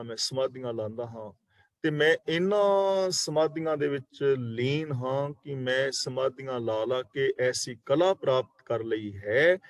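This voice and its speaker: A man teaching a scripture class, reciting verses slowly and then explaining each word, at times correcting how a word is pronounced. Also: medium pitch, dry recording. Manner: corrects pronunciation letter by letter. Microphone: online video call.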